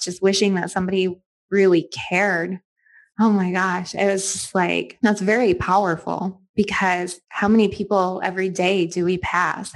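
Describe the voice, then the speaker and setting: A middle-aged woman hosts an interview and asks her guest questions. She talks gently and reflectively, with a few fillers as she gathers her thoughts. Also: lowish voice. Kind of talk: interview conversation.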